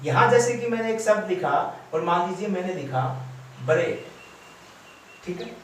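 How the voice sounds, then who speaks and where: A man with an Indian accent explaining English grammar in a slow, repeating classroom lecture style. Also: high voice, lively intonation, a little hiss or hum. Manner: explains slowly, mixing English terms into Hindi, repeating phrases. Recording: echoey room, from far off.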